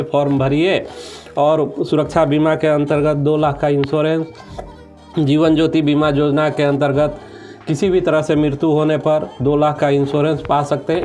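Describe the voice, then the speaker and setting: A government official answers interview questions, working through his explanation point by point and slipping in some English terms. His voice sits on the high side and sounds a little mellow.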